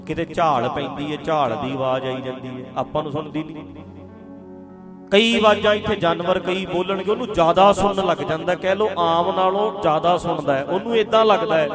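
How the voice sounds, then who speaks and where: A woman giving a spiritual teaching talk. She explains patiently, repeats her phrases and addresses her listeners directly. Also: low-pitched. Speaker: spiritual speaker. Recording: music playing behind the voice. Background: music.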